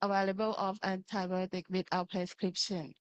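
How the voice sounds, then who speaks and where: This pharmacy lecturer, a Thai woman with a Thai accent, runs an interactive online slide lecture, keeping her phrasing simple and regularly checking students understand. She speaks at a moderate pace in a smooth, flat, mid-range voice; there is no echo, but the recording is rough.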